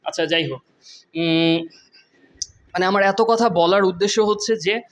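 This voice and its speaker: A young man from Bangladesh giving a casual video lesson on an English exam. He explains in a relaxed way and slows down to read English passages carefully. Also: high-pitched. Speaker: IELTS teacher.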